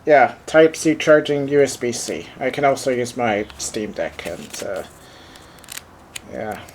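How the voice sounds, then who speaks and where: A man reviews and unboxes a handheld, his English carrying a German accent from his first language and sprinkled with fillers as he thinks aloud. His medium-pitched voice is unhurried, with slight background noise.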